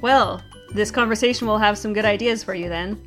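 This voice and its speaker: A woman hosting a scripted comedy news segment with a brisk, wry, deadpan delivery. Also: mid-range voice, faint music behind. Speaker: comedy show host.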